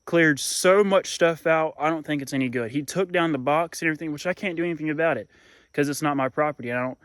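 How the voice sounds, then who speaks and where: A man's voice: a little high, quick pace, fairly bright tone, no room sound. A young man, rambling casually as he walks around outdoor hunting land, often trailing off with "and everything like that". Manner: talks while walking outdoors. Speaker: hunting vlogger.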